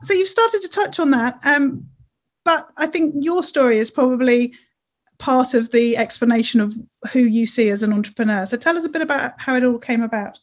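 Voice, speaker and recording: A woman's voice: high-pitched, normal speed. A woman interviewer asking questions conversationally, often correcting herself as she goes. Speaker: interviewer, host.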